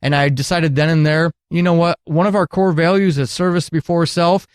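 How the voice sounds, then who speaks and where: A middle-aged man with a slightly high, steady, smooth voice talks briskly, sharing candid and earnest stories at length with emphatic phrasing. He is a retired military counselor guesting on a podcast, recorded dry in studio quality.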